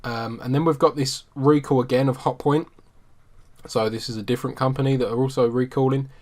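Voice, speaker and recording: A man from the UK, teaching a screen-share marketing tutorial in a relaxed, conversational way with frequent ums. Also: mid-range voice, a little fast. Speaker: SEO marketing instructor.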